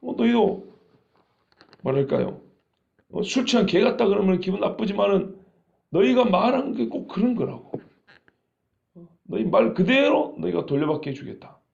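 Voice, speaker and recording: A male pastor preaches with lively energy and keeps putting questions to his congregation. His voice is fairly high with a strong gravelly edge. The recording has a dull, lo-fi sound. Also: normal speed, pauses often. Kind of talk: sermon.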